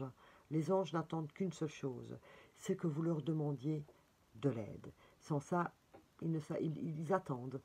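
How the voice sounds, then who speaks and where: Belgian French woman, low voice, warm husky tone, chatty card reading, thinks aloud. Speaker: tarot and oracle card reader. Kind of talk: casual card reading for viewers.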